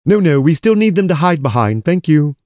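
A man's voice: on the high side, sing-song, a little fast, darkish tone, dry recording. A man playing a dry, secretive schemer in a comic audio drama, formal, terse and disapproving. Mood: irritated.

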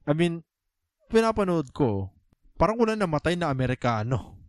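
A man with a Filipino accent chatting casually about films, animated and full of rhetorical questions. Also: a little high, normal speed, no echo, studio quality. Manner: animated, mixes English into speech, rhetorical questions. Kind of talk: casual chat.

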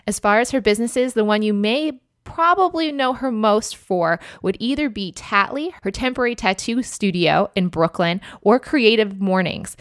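A woman's voice: medium pitch, no echo. An enthusiastic woman hosts her own podcast, gushing over her guest. The sound is dry and close, with no room around it. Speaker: podcast host. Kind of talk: upbeat podcast intro and interview.

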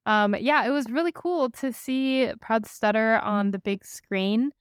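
A woman's voice: on the high side, unhurried, clear, resonant tone, dry recording, studio quality. A woman guest on a podcast, a former co-host, chatting casually and upbeat with many fillers. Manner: upbeat, with frequent fillers and laughs.

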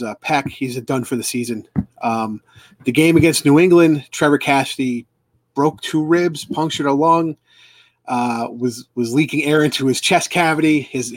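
A man's voice: medium pitch, dry recording. A man hosting a casual live stream for a sports fan club, rambling with lots of fillers and restarts.

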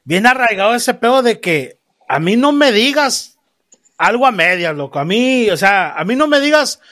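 Male host, higher voice, animated slangy storyteller with a salty mouth. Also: normal speed. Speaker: podcast host. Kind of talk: casual interview chat.

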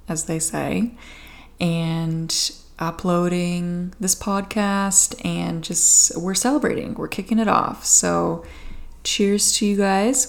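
A young Canadian woman hosts a casual solo podcast. Her voice is a little low for a woman, with plenty of vocal fry, and she takes her time. She rambles informally and pokes fun at herself. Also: darkish tone. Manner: rambling, informal, self-deprecating. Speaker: podcast host. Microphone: podcast microphone with pop filter.

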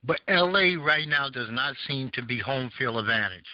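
This is casual call-in talk show chat from a male podcast host with a Southern American accent. He speaks at medium pitch and a moderate pace, animated, rambling and searching for words with plenty of fillers. No room sound, but the recording is dull and lo-fi.

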